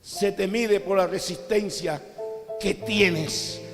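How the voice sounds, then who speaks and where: In a large cathedral, a male apostle with a Colombian Caribbean coast accent preaches a storytelling sermon in a high-pitched voice, taking it slowly. He acts out quotes and rises to shouted peaks, while the recording carries long church reverb and faint music.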